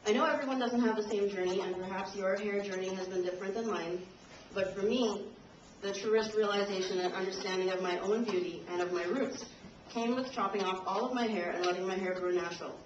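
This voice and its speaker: This invited speaker, a young woman from Trinidad and Tobago, reads her speech a little fast in a mid-range voice with hardly any pauses, slightly nervous and breaking into laughter occasionally. A camcorder in the university lecture room's audience picked her up distantly, with dull, roomy, noisy sound.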